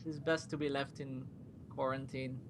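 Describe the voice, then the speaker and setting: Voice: medium pitch, level tone, moderate pace, slight background noise, voice pushed down, lightly acted. A game master voicing a formal, courteous male prince in a tabletop game, with stately phrasing.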